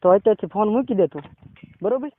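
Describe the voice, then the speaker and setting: On a tinny phone line, a high-voiced man talks fast against slight background noise. In this private call he's pushy and insistent, frequently tagging his sentences with a question and repeating "બરોબર?".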